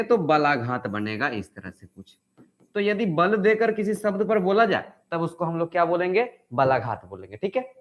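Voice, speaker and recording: A man's voice: fairly high pitch, fairly bright tone. A man teaching an online grammar lesson, asking questions and answering them himself. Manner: acts out example sentences with stress.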